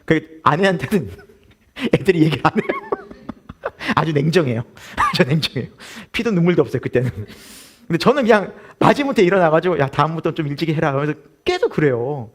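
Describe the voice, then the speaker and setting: A man's voice: a little high, wildly swooping pitch, brisk, husky. A man in his forties preaching a sermon as pastor, telling a family story with laughter and asking the congregation questions.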